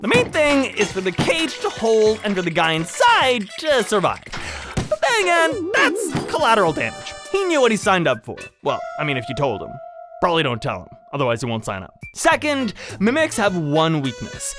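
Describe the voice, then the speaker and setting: A video host narrates a casual comedic explainer with a mid-range voice whose pitch swoops wildly, at normal speed. The delivery is sarcastic and mock-dramatic, with plenty of swearing, and music plays under the voice.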